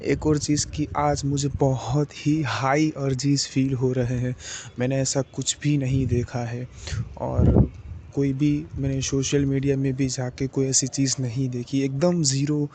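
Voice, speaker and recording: Young man, personal vlog, slow hesitant delivery, flat tone, faint background noise. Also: medium pitch. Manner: slow, deliberate, hesitant with many fillers. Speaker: vlogger.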